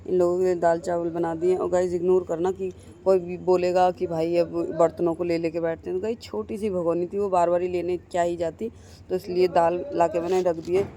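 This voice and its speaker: A woman's voice: fairly low pitch, flat delivery, a little fast, dark tone. A woman vlogging casually at home, chatting with her viewers and calling them guys as she cooks. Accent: Hindi. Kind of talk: casual home vlog chat. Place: home kitchen. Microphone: phone camera. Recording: noisy home phone recording.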